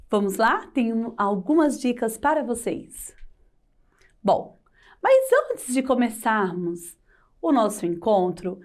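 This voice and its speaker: A Brazilian woman teaching Portuguese in a video lesson for children, explaining slowly and patiently and checking in with rhetorical questions. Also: fairly high pitch, darkish tone.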